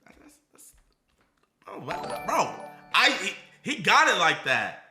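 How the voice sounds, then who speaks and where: High, bright-voiced joking man, roomy sound. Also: wildly swooping pitch, slow pace, soft background music. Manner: joking, stammering, slangy. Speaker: streamer reacting to a video. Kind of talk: casual reaction commentary. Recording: roomy echo.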